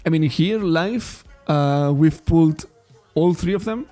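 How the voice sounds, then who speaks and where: On his card shop livestream, a streamer from Spain, a native Catalan speaker, rambles casually in Catalan-accented English, often laughing and correcting himself. His voice is a little high, mellow and unhurried. Soft background music plays.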